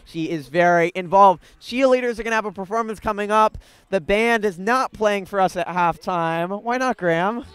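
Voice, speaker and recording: A young male broadcaster hosting live coverage from a stadium set. His voice sits high and clear with a crisp, bright edge, recorded close and dry. He talks in a loose, upbeat, chatty way and jokes with the people next to him. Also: moderate pace, no room sound. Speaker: student sports broadcaster. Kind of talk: live sports broadcast commentary. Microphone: handheld broadcast mic.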